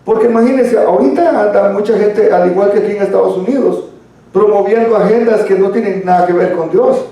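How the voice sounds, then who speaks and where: A man with a high, gravelly voice teaches a church Bible study, explaining patiently and calling listeners brother. His tone is mellow rather than bright. He is heard from far off in a very echoey hall. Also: fairly quick. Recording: echoey room, far from mic.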